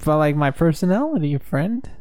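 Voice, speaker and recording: A man sharing his views in a playful, slightly hesitant way on a casual podcast. His voice is smooth and a little high. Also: big pitch swings, normal speed, a little mellow, dry recording. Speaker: podcast co-host. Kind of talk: casual chat.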